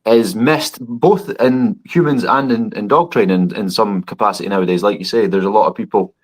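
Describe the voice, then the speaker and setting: A man's voice: lowish voice, moderate pace. A man in his thirties, a dog trainer guesting on a podcast, answering thoughtfully with frequent restarts. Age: 30s. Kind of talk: conversational podcast interview.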